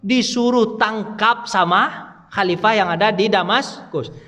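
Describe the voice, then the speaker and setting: A man preaching a mosque study lecture in a loud voice, often addressing his listeners as "Pak". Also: high-pitched, unhurried. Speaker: Islamic preacher and teacher. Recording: long mosque hall reverb.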